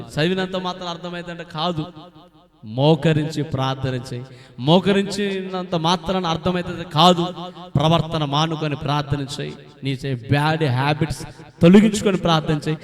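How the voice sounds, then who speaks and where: A man preaches in a fairly high voice. He calls on his congregation to answer him aloud. His volume swings from ringing shouts to low, hurried asides. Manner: call-and-response, urging the crowd to answer loudly. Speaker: pastor. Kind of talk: sermon.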